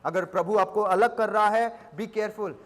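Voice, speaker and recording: A man preaching a sermon in a very high voice, his words ringing with the long reverb of a hall. He is an emphatic pastor who acts out little dialogues and drops English phrases into his preaching. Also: a little slow, fairly bright tone, slight background noise. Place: church service in a rented hall.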